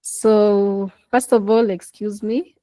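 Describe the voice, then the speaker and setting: A woman's voice: medium pitch, steady tone, slow pace, dark tone, no echo, poor audio. A woman leading an online class session over a laptop call, encouraging her listeners to take part. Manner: encouraging, prompting participation. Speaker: instructor. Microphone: laptop in a video call.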